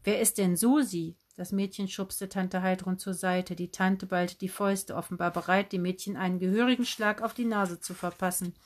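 Steady woman reading an audiobook. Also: lowish voice, normal speed, few pauses. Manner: steady, clear storytelling. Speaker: audiobook narrator. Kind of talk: scripted narration.

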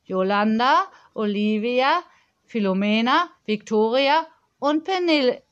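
A woman voicing a whimsical, dreamy grown-up nanny who speaks calmly and mildly. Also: fairly high pitch, slow, muffled recording.

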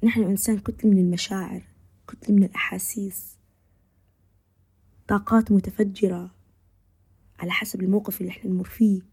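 A woman with a Levantine Arabic accent gives a reflective podcast monologue, speaking gently and often sinking into a soft whisper. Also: mid-range voice, little pitch movement, quick pace, long pauses, breathy edge. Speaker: podcast host.

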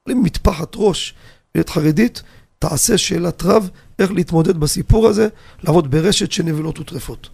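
Animated, gravelly-voiced rabbi on the radio. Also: male voice, on the high side. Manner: animated, asks rhetorical questions, tells anecdotes. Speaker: rabbi teaching on a radio show.

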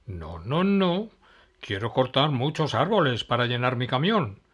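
A man's voice: mid-range voice, sing-song, measured pace, a bit bright, slightly rough, exaggerated voice. A man voicing a greedy woodcutter who drives a truck. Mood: mocking. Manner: mocking, then screaming for help.

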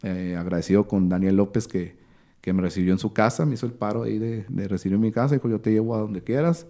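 Animated Mexican man telling a story. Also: lowish voice, fast. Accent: Mexican Spanish. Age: 30s. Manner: animated, slangy, acts out what others said. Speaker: podcast guest, sports commentator. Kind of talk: casual storytelling chat.

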